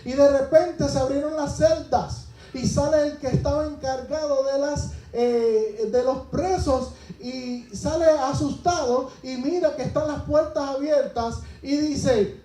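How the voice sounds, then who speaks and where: Guy preaching a sermon, really high voice but mellow, lots of church echo. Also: measured pace. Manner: asks the congregation rhetorical questions; retells scripture as a story, acting out the lines.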